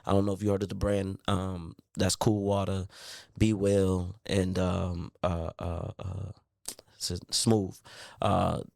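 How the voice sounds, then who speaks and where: A man in his late thirties, an R&B singer, telling his story in a relaxed interview with lots of fillers and restarts. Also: deep voice, takes it slowly, gravelly, no room sound, clean studio sound. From Milwaukee, raised in Baltimore. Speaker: R&B singer, guest. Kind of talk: casual interview chat. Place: radio studio.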